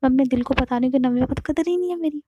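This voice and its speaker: A sulky, reproachful young woman in love, played by a woman telling the story, her voice sitting fairly high and sounding mellow and dry, close to the mic. She rattles off her complaints in quick bursts. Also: no echo, lo-fi sound, lightly acted. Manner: sulky, reproachful, fast when worked up. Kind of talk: storytelling role-play.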